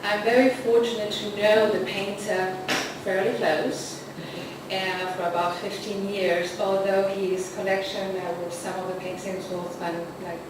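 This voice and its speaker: A woman's voice: medium pitch, flat delivery, measured pace. Woman host in an echoey hall. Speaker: host and anthology editor. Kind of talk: introducing a poetry reading. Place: literary arts center event hall. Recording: roomy, distant, noisy hall recording.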